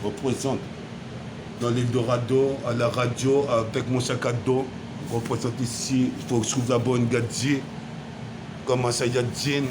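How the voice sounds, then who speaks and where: This man's mid-range voice moves little in pitch and keeps a measured pace against a noisy background. He's a French freestyle rapper in his forties, improvising rhymes in a rhythmic flow over loud music and half-singing some lines.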